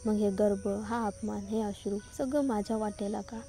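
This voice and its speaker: A woman's voice: mid-range voice, fairly even intonation, normal speed, warm tone, faint music behind, lightly acted. A woman voicing a young pregnant college student, hurt and tearful, speaking in a sorrowful, pleading way.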